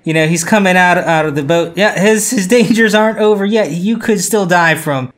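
A man's voice: high voice, moderate pace, a bit bright. A man co-hosting a podcast, explaining things step by step in a laid-back, casual way with ums and uhs. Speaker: podcast co-host explaining facts.

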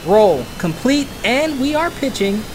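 A woman voicing a steady, official mission control announcer in a space re-enactment, clipped and procedural. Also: a little high, a little slow, a little hiss or hum, voice pushed up.

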